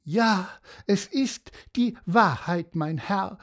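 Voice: medium pitch, lively intonation, slow pace, pitched above the performer's own voice. A storyteller voicing a melodramatic, weepy horse with a weak, sobbing voice. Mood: wailing. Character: weepy dramatic horse claiming to be a seahorse.

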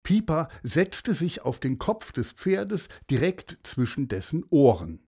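A storyteller reading a children's story aloud with an expressive delivery. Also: mid-range voice, slow pace, breathy edge.

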